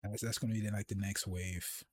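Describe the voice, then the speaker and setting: A man co-hosting a podcast in casual chat, relaxed and rambling, laughing often. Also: lowish voice, fairly quick, breathy edge. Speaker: podcast co-host.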